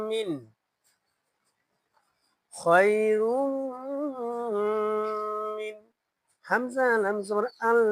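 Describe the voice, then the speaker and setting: A Quran reading teacher with a Bangladeshi Bengali accent who spells each word letter by letter, chants it slowly and asks learners to repeat after them. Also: mid-range voice, dry recording, rough recording. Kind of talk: slow spelled-out recitation lesson.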